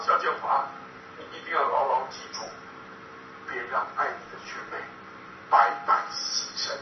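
A man's voice: a little high, noisy background. A man giving an impassioned public testimony speech, fervent and full of repeated rhetorical questions. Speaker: speaker giving a personal testimony. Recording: echoey hall from far off, dull and lo-fi.

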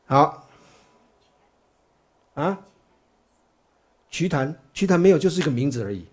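Husky man giving a chatty dharma talk. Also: a little high, lively intonation, measured pace. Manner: chatty, full of fillers and rhetorical questions. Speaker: Buddhist teacher. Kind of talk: dharma talk, storytelling lecture.

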